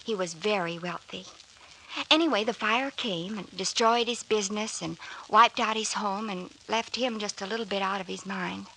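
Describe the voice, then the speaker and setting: Playing a polite, earnest young woman who hesitantly relates her story, an actress speaks at medium pitch and moderate pace with a fairly bright tone. It comes from an old-time radio drama with a noisy, aged recording.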